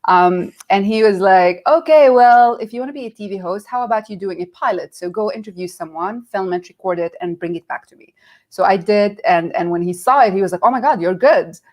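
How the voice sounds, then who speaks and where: A woman's voice: mid-range voice, brisk. A middle-aged woman from Nazareth, a guest telling her career story in a casual interview and acting out quoted voices. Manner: animated, acts out quoted voices.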